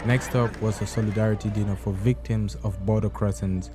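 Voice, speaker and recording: A man hosting a podcast, reading scripted documentary narration in a measured, explanatory way. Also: on the low side, steady tone, over music.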